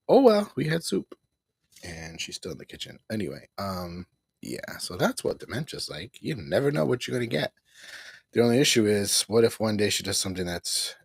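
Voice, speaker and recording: A middle-aged livestream host chats casually on a home broadcast, rambling, repeating himself and chuckling often. His low, husky, gravelly voice rises and falls a great deal, and the recording is close and dry.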